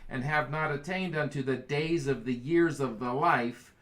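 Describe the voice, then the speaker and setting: A man's voice: medium pitch, normal speed, a bit bright. A man leading a casual Bible study, reading scripture aloud with enthusiasm and joking along the way.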